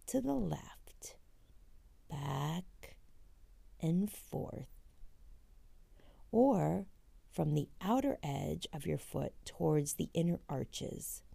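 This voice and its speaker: A woman leading a guided meditation in a gentle, unhurried way, her voice breathy and drifting toward a near-whisper. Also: on the low side, no room sound. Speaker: podcast host and meditation guide.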